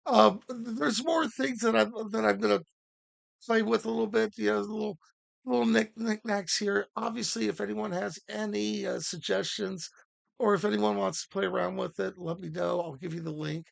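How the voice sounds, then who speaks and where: A man hosting a casual livestream workshop, talking haltingly with many fillers and restarts. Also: sits high, steady tone, vocal fry, no room sound. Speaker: host.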